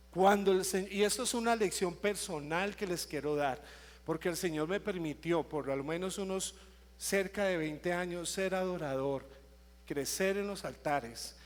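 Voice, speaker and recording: A man's voice: high-pitched, big-room sound. A man, teaching a sermon class, telling a story and then building to emphatic preaching. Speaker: worship teacher.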